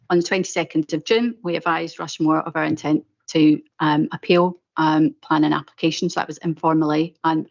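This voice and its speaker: A woman with a Glaswegian accent giving a semi-formal update at a meeting, pausing often mid-sentence in a hesitant way. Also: on the low side, gravelly, muffled recording. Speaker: presenter of a planning update at a meeting.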